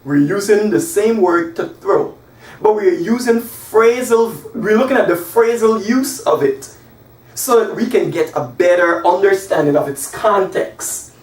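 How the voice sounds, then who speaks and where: In a small room, a high-voiced man from Guyana in his forties stands at a whiteboard giving a classroom English lesson, gesturing animatedly and spelling out example sentences slowly with emphasis. The camera sits across the room, so his voice sounds distant and echoey.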